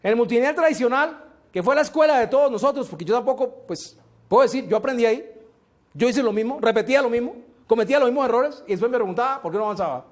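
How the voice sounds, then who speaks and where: A man with a strikingly high voice lectures a seminar crowd, talking right at the listeners. His delivery is that of a motivational business speaker who tells stories to make his points. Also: animated, fast. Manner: storytelling, addresses the audience directly. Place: seminar room with a live audience.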